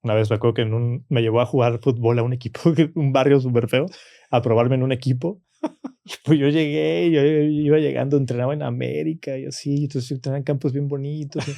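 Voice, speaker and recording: A man with a Mexican Spanish accent, telling personal stories in a relaxed talk and tagging his phrases with "¿no?" and "o sea". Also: medium pitch, a little fast, creaky, no echo. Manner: frequent "¿no?" and "o sea" tags, acts out quoted voices. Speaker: podcast guest. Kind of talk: casual conversational storytelling.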